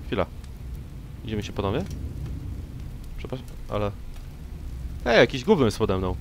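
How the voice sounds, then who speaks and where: A young man giving casual, joking commentary while he plays a game, talking to its characters and breaking into loud excited yelps. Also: fairly low pitch, moderate pace. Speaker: gameplay commentator. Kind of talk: casual let's-play commentary. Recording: old mic with clear background noise.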